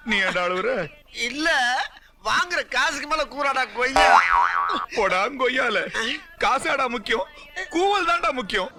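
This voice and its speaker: A man's voice: very high voice, big pitch swings, measured pace, long pauses, exaggerated voice. An actor playing a mocking, exasperated comic man in a film scene, scolding in a scornful way.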